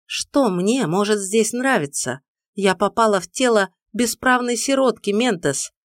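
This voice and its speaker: A woman's voice: mid-range voice, animated, a little slow, dry recording, studio quality, voice pushed up, natural voice. A woman voicing a young orphan heroine, agitated and pleading in tense outbursts.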